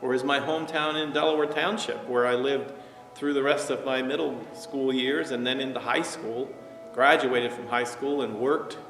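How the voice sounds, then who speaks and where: A New Jersey pastor in his sixties sits in a living room armchair delivering a reflective, conversational sermon, gesturing as he talks and dropping to a soft hush at key points. His voice sits at medium pitch with a steady tone and moderate pace. A far-off camera mic catches roomy echo and faint music.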